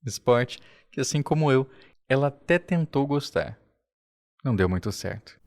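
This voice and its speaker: A man with a Brazilian Portuguese accent, narrating a documentary podcast in a slow, reflective way. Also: medium pitch, animated. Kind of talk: scripted narration. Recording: faint music underneath.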